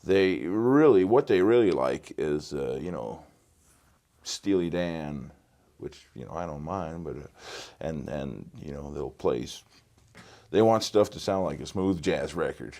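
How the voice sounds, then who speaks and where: In a small home studio, a Norwegian guitarist and recording engineer wears a lapel mic for a casual interview. His extremely low, mellow voice is animated yet measured in pace, and his answers are peppered with fillers and restarts.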